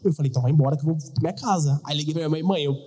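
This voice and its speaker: Guest storyteller: quick, dark, slightly husky male voice that acts out the quotes. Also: fairly high pitch. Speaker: audience guest telling his story. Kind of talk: animated storytelling on stage. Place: live theater stage.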